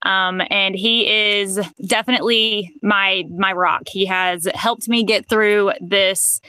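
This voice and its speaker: A friendly, chatty woman speaks outdoors, her voice bright and smooth. The sound is dry and close. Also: medium pitch, fairly even intonation, slow pace, no room sound. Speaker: guest sharing a testimonial. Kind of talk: casual personal story. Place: outdoors at home.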